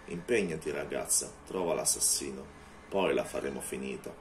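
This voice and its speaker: A man voicing a cold, contemptuous male vampire in a low, threatening tone. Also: normal speed, slight background noise.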